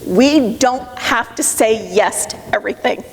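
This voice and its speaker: Middle-aged woman speaker, higher voice, emphatic coaching delivery, long hall reverb with faint noise. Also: unhurried, soft background music. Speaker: motivational speaker. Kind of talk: live talk to an audience. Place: conference room with audience.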